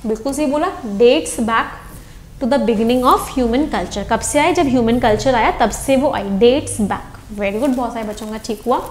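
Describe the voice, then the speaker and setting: A woman's voice: on the high side, a little slow, echoey room. A woman with an Indian accent teaching an online exam-prep English lesson, switching between Hindi and English and quizzing her students. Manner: explains in Hindi mixed with English, asks the class questions.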